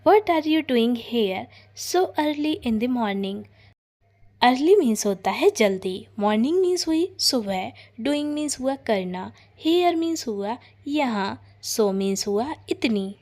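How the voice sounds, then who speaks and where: A woman teaching English. She reads each phrase slowly in a deliberate drill and says every sentence twice. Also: fairly high pitch, animated, a little mellow. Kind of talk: slow bilingual phrase drill.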